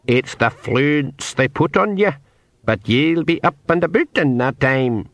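A man voicing an old, bearded male pixie who leans on two sticks, with a cracked Scottish voice and slow, wheedling delivery. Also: mid-range voice, animated, no echo, voice pushed up. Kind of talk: audiobook character voice.

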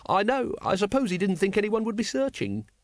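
A man's voice: high-pitched, sing-song, fairly quick, no echo, studio quality, voice pushed up. Wonse, a man doing a nervous, placating secretary.

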